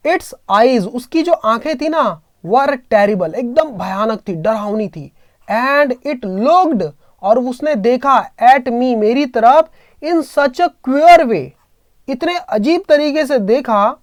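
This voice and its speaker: Woman, English teacher, reads then explains with questions, higher pitch, dry recording. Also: no echo. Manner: addresses students as "beta". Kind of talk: bilingual reading lesson.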